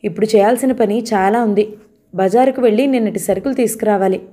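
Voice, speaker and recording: Curt teasing young husband, woman reading his lines, soft mellow tone. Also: medium pitch, quick pace, lightly acted. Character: grumbling young husband, office-bound.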